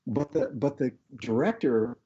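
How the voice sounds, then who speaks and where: A middle-aged man with an Arkansas accent, casually reminiscing as an interview guest in a rambling, halting way. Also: mid-range voice, expressive, warm tone, slightly rough. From Arkansas, United States. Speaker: actor, podcast guest. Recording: dull, lo-fi audio.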